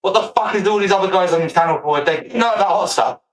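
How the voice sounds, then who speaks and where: A forty-something man, high-pitched for a man, ranting on a livestream. He swears freely and breaks into laughter as he talks. The sound bounces around an echoey room. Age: 40s. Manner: profane, ranting, quick to laugh. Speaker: streamer. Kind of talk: livestream rant.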